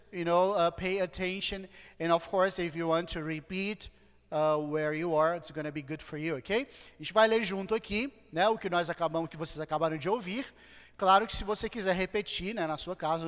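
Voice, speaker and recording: A man's voice: high voice, a bit bright, long reverb tail. A Brazilian man teaching an English lesson, reading example sentences aloud and stopping to check that his students follow. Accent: Brazilian Portuguese. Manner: slow, patient, drawn-out model readings with frequent "okay?" checks. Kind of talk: online class lesson, switching to Portuguese to explain.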